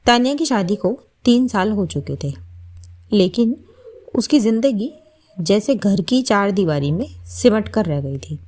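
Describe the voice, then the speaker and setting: A woman narrating a scripted family story in a measured, steady way. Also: medium pitch.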